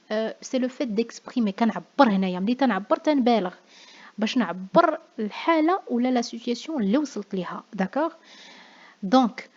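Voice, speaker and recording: A woman's voice: fairly high pitch, darkish tone. A woman teacher with a Moroccan accent explaining a lesson, often checking with "d'accord?". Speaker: French teacher. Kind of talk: classroom lesson on figures of speech. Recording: dull lo-fi sound.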